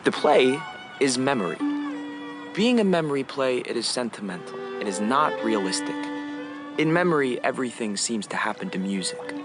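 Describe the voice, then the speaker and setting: In a radio drama, an actor plays a wistful young son narrating his memory play to the audience in a poetic, measured monologue. His voice is medium pitch and very animated, lightly acted, with music in the background.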